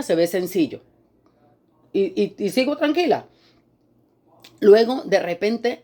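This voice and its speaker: A woman preacher giving an animated sermon, acting out quoted people in high mocking voices.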